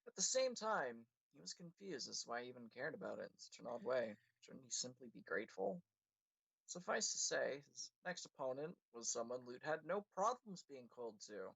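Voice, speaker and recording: A man's voice: medium pitch, sing-song, normal speed, vocal fry, fairly bright tone, husky, no echo, low-quality recording. A man hosting a livestream, reading his own story aloud in a casual way and correcting himself as he goes. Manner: casual, with self-corrections and laughs. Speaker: livestream host and writer.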